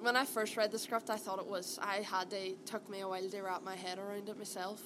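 A woman's voice: medium pitch, flat delivery, fast talker. A young woman with a Derry accent from Northern Ireland, chatting casually and colloquially as an actor being interviewed. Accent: Derry, Northern Irish. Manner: chatty, colloquial, peppered with "aye" and "like". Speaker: actor interviewed about a play. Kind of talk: casual chat. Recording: clearly noisy background ambience.

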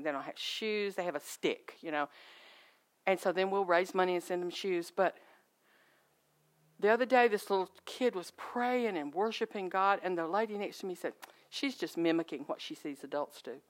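A middle-aged woman giving a personal testimony at a church, telling stories in a lively way and acting out the voices of people she quotes. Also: fairly low pitch. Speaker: guest speaker at a church.

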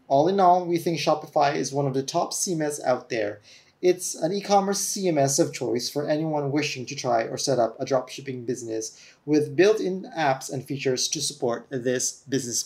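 A man's voice: on the high side, darkish tone. A man hosting a solo podcast, explaining steadily in an earnest, lecturing way, recorded on a camera-mounted mic that makes him sound echoey, as if through a tunnel, with some feedback. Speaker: podcast host.

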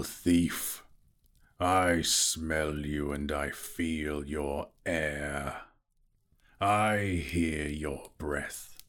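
A man voicing a slow, sly, sneering male dragon in a storybook reading, drawing out each word with mocking menace. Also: very deep voice, heavily acted. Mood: menacing, coaxing.

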